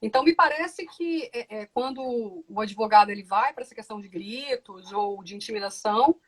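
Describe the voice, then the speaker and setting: A woman who is a law professor and lawyer, answering interview questions in a measured, reflective way and often ending phrases with "né?". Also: a little high.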